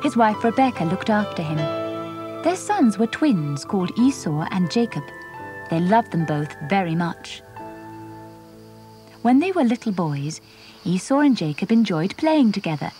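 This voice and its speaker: A woman narrating a children's Bible story in a simple, clear storytelling manner. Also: mid-range voice, sing-song, unhurried, long pauses, dark tone, faint music behind.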